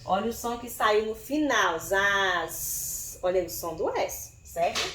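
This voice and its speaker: A Brazilian woman teaching young children to write, sounding out syllables slowly and asking pupils by name. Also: mid-range voice, animated, fairly bright tone, slight background noise. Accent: Brazilian Portuguese. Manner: slow, syllable-by-syllable spelling with questions to pupils by name. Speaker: primary school teacher. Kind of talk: recorded remote writing lesson for young children. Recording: echoey room.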